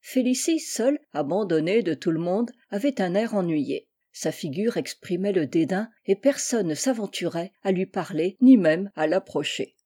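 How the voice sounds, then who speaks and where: A woman reading a classic children's novel aloud in a measured, even storytelling manner. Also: lowish voice, husky. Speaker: audiobook reader. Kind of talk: scripted narration of a classic novel.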